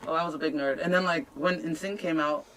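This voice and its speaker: A woman in her thirties, born in Ghana and raised in the United States, chatting as a guest on a radio show in a bubbly, animated way with frequent laughs. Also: low voice, fast. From born in Ghana, raised in the USA. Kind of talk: casual interview chat. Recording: distant mic, faint noise.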